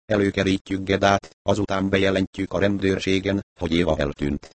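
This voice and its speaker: A man's voice: sits low, flat delivery, no echo, natural voice. A man piping as a chirpy, pushy lawyer. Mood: eager, chirping. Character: fussy chirpy male lawyer, pushy, eager.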